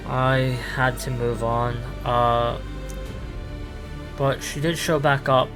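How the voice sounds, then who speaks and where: A man playing the Doctor, an ancient, restless and lonely alien time traveller, talking in halting, rambling bursts full of restarts over background music. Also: medium pitch, steady tone, natural voice. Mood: wistful. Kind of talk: improvised fan audio drama.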